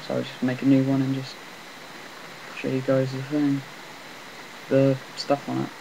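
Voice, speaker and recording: A man talks over his gameplay in a rambling, self-deprecating way, with a flat, monotonous delivery. His voice has a gravelly rasp, and the cheap laptop mic picks up a faint hiss behind him. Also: medium pitch, measured pace, poor audio. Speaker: gameplay commentator. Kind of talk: casual game commentary.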